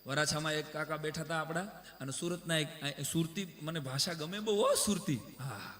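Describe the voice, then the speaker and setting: A man who tells folk stories on stage. He chants verse in a loud, rhythmic way, then drops into joking chat. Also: a little high, moderate pace. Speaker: folk storyteller and stage humorist. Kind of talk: live stage storytelling with recited folk poetry. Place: stage before a live audience. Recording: roomy live hall with faint music.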